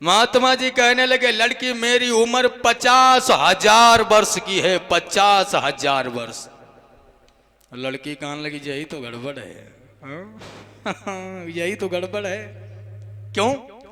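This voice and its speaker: A man's voice: sits high, pushed and bright. A man telling a devotional folk story, voicing the quoted speakers as he narrates. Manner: narrates with voiced quotes, breaks into long drawn-out song. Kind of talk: sung and spoken devotional story. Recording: long hall reverb with music behind.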